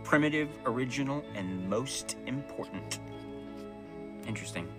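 A man's voice: medium pitch, lively intonation, moderate pace, over music. A man hosting a podcast, joking around in a playful, mock-dramatic way. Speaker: podcast host. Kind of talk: joking casual chat.

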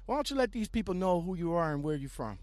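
A man hosting a casual podcast interview, hyping up his guest with excited, repetitive phrasing. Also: sits high, fast. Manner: animated, repetitive hype-man delivery. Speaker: podcast host.

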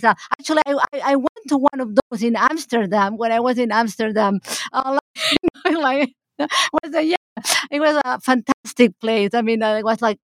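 A woman history professor answering interview questions, talking in halting bursts with many restarts and fillers. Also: a little high, dry recording. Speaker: history professor, guest author.

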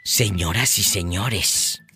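A man's voice: low-pitched, slow pace, vocal fry, sharp tone, husky. A man from Tamaulipas, hosting a live radio call-in show in a flamboyant, teasing, campy way. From Tamaulipas, Mexico. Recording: music playing behind.

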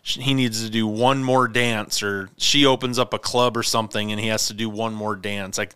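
Bright, crisp-voiced man in his forties. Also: fairly low pitch, steady tone, moderate pace, no echo, studio quality. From Montana, USA. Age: 40s. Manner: easygoing, rambling, chatty. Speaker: podcast host. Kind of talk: casual chat about movies.

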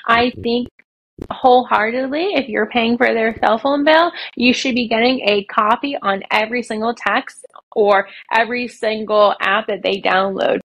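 A woman's voice: fairly high pitch, fairly bright tone, dull audio. A woman, a children's author and speaker, answering as a guest on a podcast in an earnest, emphatic way. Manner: earnest, emphatic, quick in bursts. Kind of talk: podcast interview.

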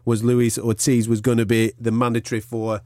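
A man's voice: mid-range voice, flat delivery, fairly quick, darkish tone, no echo, clean studio sound. An English man hosting a boxing podcast, chatting casually in a blokey, slangy way with plenty of swearing. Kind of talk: casual sports chat.

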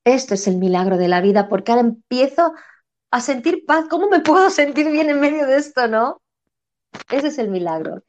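A woman's voice: high voice, sing-song, moderate pace, a little mellow. A woman from Spain in an earnest, reflective spiritual conversation, repeating phrases for emphasis. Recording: dull lo-fi sound.

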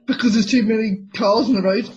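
An English man from Hertfordshire chatting casually as a co-host, relaxed and laughing often. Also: sits high, a little fast, lo-fi sound. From Hertfordshire, England. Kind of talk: casual chat.

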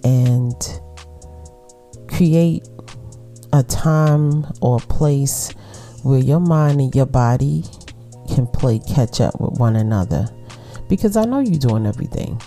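A middle-aged woman with a Brooklyn accent hosting a casual solo podcast, talking to women listeners in a laid-back, unhurried, conversational way. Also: rumbling low, expressive, warm tone, soft background music. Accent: Brooklyn, New York. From Brooklyn, New York. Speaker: podcast host.

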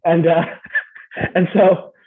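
A man's voice: on the high side, flat delivery, takes it slowly. A man who grew up in the Philippines and the United States, chatting as a podcast guest and often tagging his points with "right?". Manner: rambling, tag questions like "right?". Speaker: podcast guest, fan club founder. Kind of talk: casual interview chat. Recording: tinny phone-like remote line.

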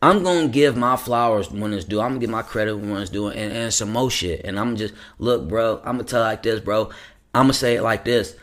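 A man hosting a podcast in a loose, rambling style, full of slang and restarts as he gives shout-outs. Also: lowish voice, a little fast. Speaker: podcast host. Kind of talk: casual podcast chat.

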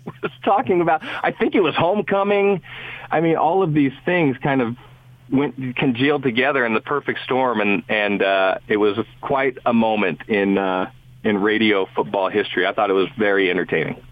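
A man's voice: medium pitch, fairly even intonation, normal speed, dry recording. Rambling man on a tinny phone line. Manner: rambling, restarts often, chuckles between thoughts. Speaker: sports radio guest. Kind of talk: casual sports talk on the radio. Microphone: phone call.

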